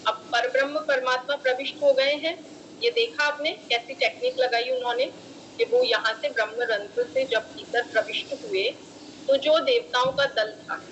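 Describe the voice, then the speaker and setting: A woman gives an online lecture on scripture, her voice sitting a little high. She explains in plain teaching tones, chants Sanskrit verses and mixes in English terms. A faint hum of noise runs under the recording. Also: a bit bright, muffled recording. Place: online class.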